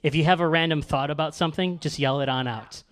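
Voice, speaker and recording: A man's voice: a little high, fast, fairly bright tone. A man hosting a live comedy roast on a club stage, joking with the crowd and reading emails in mock voices. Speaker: comedian host. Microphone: handheld mic.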